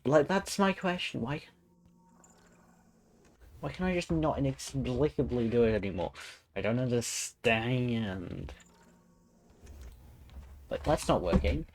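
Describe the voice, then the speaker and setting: A man's voice: medium pitch, slow, pauses often, slight background noise. A man streaming a game, muttering to himself in frustration as he plays. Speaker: gaming streamer. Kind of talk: casual live-stream commentary while playing.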